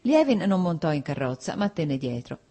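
A woman narrating a classic novel as an audiobook, in a steady, even reading voice. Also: low-pitched, normal speed. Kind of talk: scripted narration.

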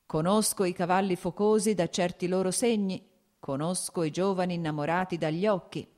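A woman's voice: fairly low pitch, sing-song, moderate pace, a little mellow. A woman reading the lines of a jovial, sociable nobleman in an audiobook, in a hearty, exclaiming manner.

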